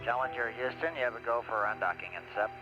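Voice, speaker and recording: A male mission control operator answering over a space radio transmission from an archival recording, brisk and matter-of-fact. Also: mid-range voice, highs cut off, music in the background.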